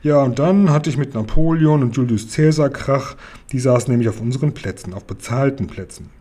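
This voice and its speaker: A man's voice: medium pitch, mellow, husky. A man reading a children's story and voicing a cheerful, eccentric middle-aged pharmacist uncle who talks in a jolly, cheeky way.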